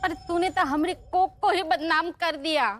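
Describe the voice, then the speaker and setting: A woman's voice: extremely high pitch, steady tone, normal speed, a bit bright, soft background music. An actress playing a brash, scolding woman in a TV sitcom. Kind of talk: sitcom acting.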